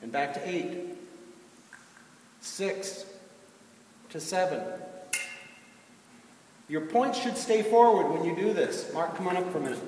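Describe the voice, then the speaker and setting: High-voiced male fencing coach, crisp commands, echoey hall. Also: expressive, slow pace, pauses often. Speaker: fencing coach teaching a group lesson. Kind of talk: instructional demonstration with drill commands. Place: large reverberant indoor hall, recorded from a distance. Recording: echoey hall, distant mic, loud background noise.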